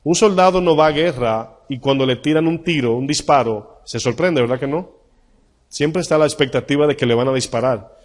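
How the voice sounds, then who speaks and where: A male pastor preaching a sermon, reading Bible verses slowly and emphatically, asking the congregation questions and acting out short dialogues. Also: mid-range voice. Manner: acts out little dialogues in changed voices.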